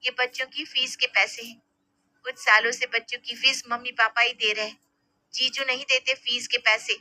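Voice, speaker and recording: Brief: woman voicing a feisty cartoon sister, high and earnest. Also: flat delivery, normal speed, sharp tone. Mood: indignant. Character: outspoken young woman, protective sister.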